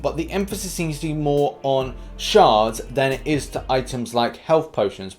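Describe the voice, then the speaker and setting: With a medium pitch and a darkish tone, a British man fronts a lively gaming news update as a YouTuber and host. He keeps it cheeky and informal, stressing the openings of his phrases.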